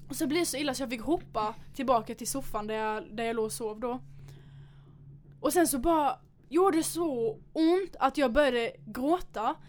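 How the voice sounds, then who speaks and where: A young woman co-hosting a casual chat show from a school studio, telling stories in a lively way and swearing casually. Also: high voice, a little hiss or hum. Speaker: podcast co-host.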